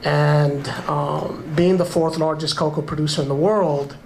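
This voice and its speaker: A man, a sponsor giving a halting speech at a gala with many fillers. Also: fairly high pitch, fairly even intonation, gravelly, slight background noise, rough recording. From Panama. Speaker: event sponsor, businessman.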